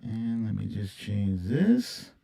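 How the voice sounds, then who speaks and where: A low, dark voice, slow and sing-song, with creakiness and a breathy edge. Its owner hosts a livestream, chatting casually and playfully with viewers about an informal TV theme quiz, rambling, thinking aloud and breaking into humming and singing.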